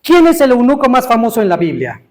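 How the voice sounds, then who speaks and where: A man giving an interactive Torah teaching to a live congregation, quizzing listeners and stressing words slowly. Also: very high voice, wildly swooping pitch.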